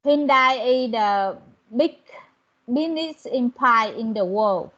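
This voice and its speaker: A woman's voice: on the high side, lively intonation, slow, fairly bright tone, highs cut off. A woman from Vietnam with a Vietnamese accent, learning English and hesitantly searching for words. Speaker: English student.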